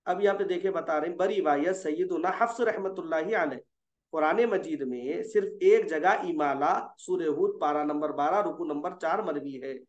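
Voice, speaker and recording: Man, recitation teacher, classroom lesson, raised pitch, roomy echo, repeats key points. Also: moderate pace, lo-fi sound. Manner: poses questions to the class and answers them himself, repeating key points.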